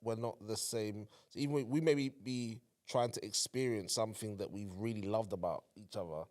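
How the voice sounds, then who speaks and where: A man in his thirties from England, co-hosting a podcast in relaxed, teasing casual chat. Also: on the low side, normal speed. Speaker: podcast co-host.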